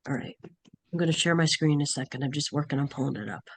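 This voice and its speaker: A woman instructor with a raspy, hoarse voice from a cold, leading an online class in a halting way, thinking aloud over a video call. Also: low-pitched.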